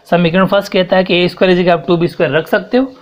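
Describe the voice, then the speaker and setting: A man's voice: high-pitched, steady tone, quick pace, slight background noise. A young man teaching a school math lesson at the board, explaining each step and often checking whether the students follow. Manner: explains step by step, mixing in English terms, keeps checking understanding. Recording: dull lo-fi recording.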